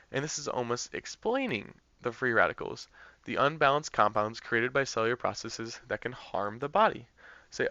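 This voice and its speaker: Male tutor, bright forward voice, casual step-by-step explainer, dry slightly dull recording. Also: medium pitch, no room sound. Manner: conversational, thinking aloud with fillers and restarts. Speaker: test prep tutor. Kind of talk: explaining practice test answers.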